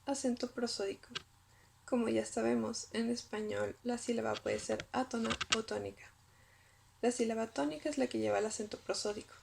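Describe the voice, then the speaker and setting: A woman whose first language is Spanish, reading a scripted lesson and sounding out syllables slowly. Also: a little high, fairly even intonation, vocal fry, a little hiss or hum. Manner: reads carefully, spells out syllables slowly. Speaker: student presenter.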